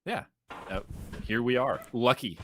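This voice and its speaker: A young man hosting a casual esports podcast, talking fast and joking around. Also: mid-range voice, slight background noise. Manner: energetic, jokey, fast-talking. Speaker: podcast host.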